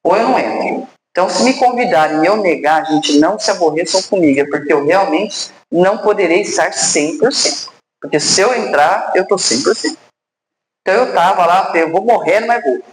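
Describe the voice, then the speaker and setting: A Brazilian woman giving a personal testimony talk at a spiritist center, telling her story dramatically, acting out dialogue and pausing for suspense. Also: fairly low pitch, expressive. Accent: Brazilian Portuguese. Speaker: guest speaker at a spiritist center. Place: spiritist center hall, indoors. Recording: echoey room, faint background noise.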